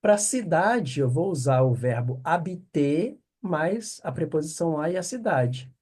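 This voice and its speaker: A man teaching French online. He explains patiently, checks in often with quick questions, and repeats the French words slowly. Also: on the high side, expressive, darkish tone, slightly rough. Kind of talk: online language lesson.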